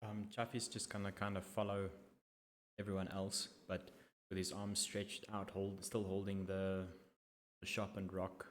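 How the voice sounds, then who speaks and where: Low-voiced man in a very echoey space. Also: flat delivery, a little slow. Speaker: player in tabletop game. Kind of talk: hesitant casual character narration.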